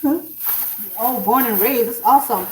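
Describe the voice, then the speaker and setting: A Nigerian woman, an author, hosts a casual livestream from her home kitchen, chatting and rambling to viewers as she cooks. Her voice sits a little high and moves at a normal speed. The recording sounds roomy and distant, with running tap water and a slight hiss or hum.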